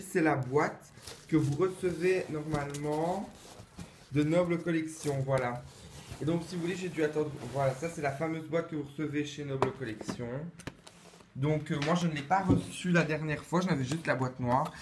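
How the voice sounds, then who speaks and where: A man's voice: on the high side, background noise. A man talking casually to camera as he unboxes a replica wand, chatty and hesitant, with lots of fillers and restarts. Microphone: camera mic, close-up.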